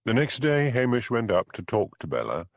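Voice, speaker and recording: A man narrating an audiobook in an expressive, dramatic reading. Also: medium pitch, normal speed, no echo. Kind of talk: scripted narration.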